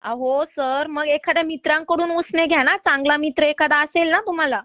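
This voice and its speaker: On a slightly dull phone line, a woman with a high-pitched, bright, forceful voice makes a loan collection call at a fairly quick clip. Her tone stays steady as she pushes insistently, polite but clearly exasperated. There's no room sound.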